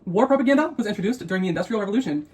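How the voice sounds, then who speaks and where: A woman's voice: mid-range voice, expressive, rapid-fire, a little mellow. A young woman co-hosting a video, switching between scripted facts and snippy, playful teasing. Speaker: co-host of a mukbang video. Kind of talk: scripted explainer mixed with playful banter.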